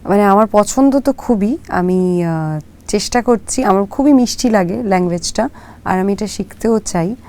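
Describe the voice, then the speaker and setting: A young actress from Kolkata, India, speaks with a Kolkata Bengali accent as she answers interview questions hesitantly, stretching out fillers and slipping in English words. Her voice is medium-pitched and warm.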